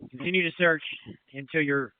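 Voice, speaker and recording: Fast, brisk man over marine radio. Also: on the high side, no room sound. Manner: brisk, directive, crisp radio procedure. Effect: marine radio transmission. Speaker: river branch incident commander. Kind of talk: emergency radio dispatch. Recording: narrow tinny marine radio channel.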